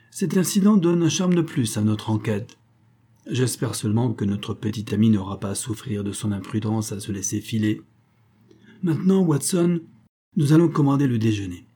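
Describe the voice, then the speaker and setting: A man voicing a calm, ironic male detective who reasons aloud in a slightly raised tone, in an audiobook reading. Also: fairly low pitch, slightly rough. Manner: cool, mocking, raised tone.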